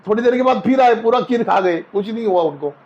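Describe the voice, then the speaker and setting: A man's voice: high-pitched, expressive, fairly quick, a little mellow, muffled recording. A man as a spiritual guest, telling homely anecdotes in a casual interview and acting out the voices in them. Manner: anecdotal, folksy, acts out quoted voices.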